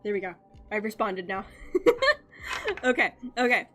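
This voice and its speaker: A woman streaming a game, chatting casually with viewers, excitable and chatty with quick reactions. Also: mid-range voice, faint music behind. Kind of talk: casual live-stream chat.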